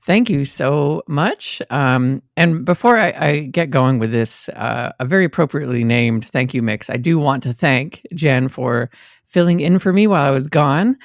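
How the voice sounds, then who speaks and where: A man's voice: mid-range voice, animated, moderate pace, vocal fry, no echo, clean studio sound. A man co-hosting a music podcast, chatting in a friendly way with frequent ums. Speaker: podcast co-host. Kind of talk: casual chat.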